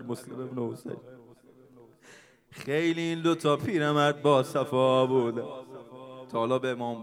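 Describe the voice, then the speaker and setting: A man leading a religious mourning gathering, chanting a sung lament and telling the story in spoken passages between verses, pleading with his listeners to cry out. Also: medium pitch. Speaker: mourning eulogist.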